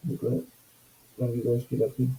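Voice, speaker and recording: A man's voice: mid-range voice, monotone, normal speed, mellow, breathy edge, poor audio. A man giving casual, sarcastic commentary on news items and comments, with mocking asides.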